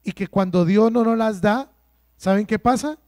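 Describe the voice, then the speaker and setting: Priest, high voice, dry recording, emphatic sermon full of questions to the flock. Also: male voice, darkish tone, no echo. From Colombia. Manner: emphatic preaching with rhetorical questions and slow drawn-out stresses. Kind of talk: sermon at a prayer workshop.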